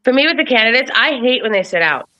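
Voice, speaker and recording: A woman talking in a bright, forceful voice, blunt and profane as she rants. The audio is slightly dull and lo-fi. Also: on the high side, expressive, quick pace. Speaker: political commentator. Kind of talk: casual political chat.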